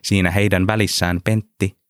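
A man reading a story aloud in a calm, measured narration style. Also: low-pitched, no echo, clean studio sound.

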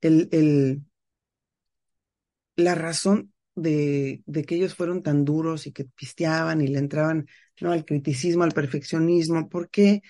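A woman's voice: low-pitched, steady tone, unhurried, dark tone. A middle-aged woman from Mexico with a Mexican accent, talking freely in a casual podcast monologue and often ending phrases with a questioning tag. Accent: Mexican Spanish. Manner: talks freely with slang, tags phrases with a questioning "¿no?". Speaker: podcast host.

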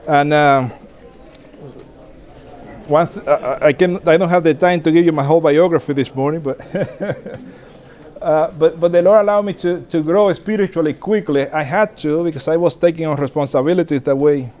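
Here a fortyish pastor from the Dominican Republic talks casually to other pastors at a moderate pace, his voice on the high side. He often laughs, pokes fun at himself warmly, and keeps starting his sentences over.

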